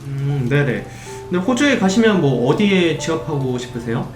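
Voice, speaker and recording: A man's voice: a little high, big pitch swings, moderate pace, echoey room, faint music behind. A man voicing a blunt male working holiday counselor who gives matter-of-fact advice.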